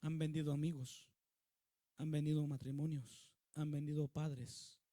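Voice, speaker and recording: High-voiced male pastor preaching. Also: little pitch movement, a little slow, dark tone, no room sound, clean studio sound. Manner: emphatic, asks the congregation questions. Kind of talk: sermon.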